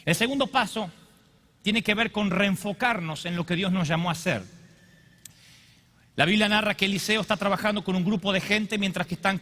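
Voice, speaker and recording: A man's voice: high voice, brisk, pushed and bright. A man preaching a sermon to a congregation, impassioned and confessional, who often acts out quotes. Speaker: pastor. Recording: long reverb of a large hall.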